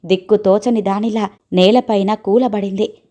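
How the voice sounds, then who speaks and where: A woman reading a family story aloud as a storyteller, with a steady, even delivery. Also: medium pitch, moderate pace.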